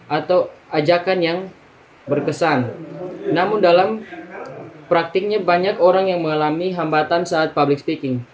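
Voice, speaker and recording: A young man, a student, reading a class presentation in a steady, list-by-list way, now and then clearing his throat and restarting a word. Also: on the high side, rough recording.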